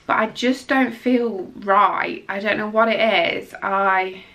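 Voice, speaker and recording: A woman's voice: mid-range voice, steady tone, slow, a bit bright. A young woman giving a casual pregnancy update vlog, rambling and emotional, exhausted and near tears, with lots of ums and restarts. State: exhausted and tearful. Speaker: vlogger.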